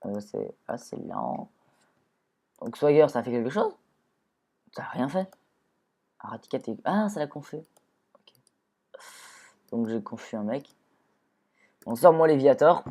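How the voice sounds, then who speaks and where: Man, mellow dark tone, casual gameplay commentary, rambling, self-correcting. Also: mid-range voice, big pitch swings, unhurried, vocal fry, long pauses. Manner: rambling, self-correcting, talks to his creatures. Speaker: gameplay video creator.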